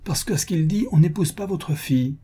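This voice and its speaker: A haughty, sharp-tongued old baroness, voiced by a male narrator in a storybook reading, her voice pitched well up and slightly husky. She speaks in a pointed, offended, queenly way. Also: moderate pace.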